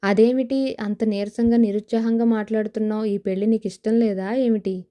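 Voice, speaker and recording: A woman's voice: medium pitch, steady tone, brisk, mellow, close to an everyday voice. A woman voicing a scheming young woman who coaxes her friend with persuasive talk, in an audio novel. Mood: coaxing. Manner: coaxing, persuasive.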